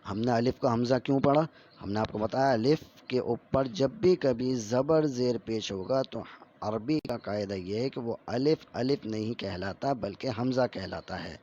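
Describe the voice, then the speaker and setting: A man's voice: medium pitch, mellow, a little hiss or hum. Male reading teacher, patient and repetitive, middling voice, slightly dull lo-fi audio. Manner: slow, drawn-out syllables when reciting drills; repeats rules over and over for learners. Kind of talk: patient step-by-step recitation lesson.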